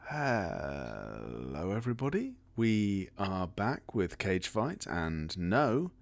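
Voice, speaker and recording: Man in a slow airline pilot voice. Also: low-pitched, very animated, vocal fry. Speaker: podcast co-host. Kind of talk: casual podcast chat.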